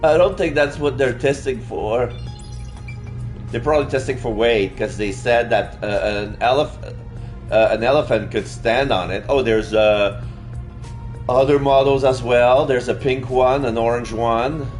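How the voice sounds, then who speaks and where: A let's-play streamer, a man, talks over background music in a mid-range, somewhat dark voice at a slightly slow pace. He plays a video game, making casual, playful remarks and reading the on-screen text aloud.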